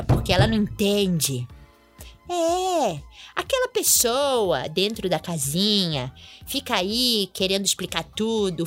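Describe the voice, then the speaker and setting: A woman hosting a comedic clown podcast, talking in a playful, theatrical and bossy way with sudden high squeals. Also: fairly bright tone. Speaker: podcast host.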